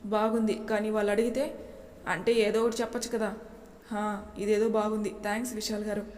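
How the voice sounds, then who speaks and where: A woman's voice: medium pitch, flat delivery, a little fast, darkish tone, natural voice. Woman voicing an anxious young man, echoey. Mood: eager. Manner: worried, earnest inner musing. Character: young man, anxious and longing office worker. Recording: long reverb echo.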